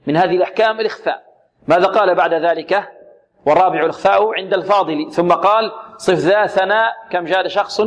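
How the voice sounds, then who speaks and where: A man teaching Quran recitation rules on a radio program. He asks questions and answers them himself, and he demonstrates letters slowly with repetition. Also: sits high. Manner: demonstrates sounds slowly and repeats words. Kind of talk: tajweed lesson on an Islamic radio program.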